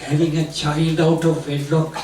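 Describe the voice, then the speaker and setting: Older guy from sri lanka, wry comic storyteller, highish voice, echoey room with laughter behind. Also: completely flat delivery, moderate pace, far from the mic, crowd noise. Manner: wry self-mocking storytelling, voicing his own inner panic in high squeals. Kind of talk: comic storytelling to a live audience. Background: audience laughter and room ambience.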